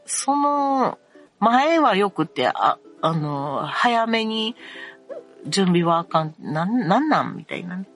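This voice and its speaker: A woman's voice: mid-range voice, big pitch swings, slow, soft background music. A young woman with a Kansai accent hosting a casual solo talk show, chatty and wry, with lots of fillers as she complains. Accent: Kansai Japanese. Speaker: podcast host.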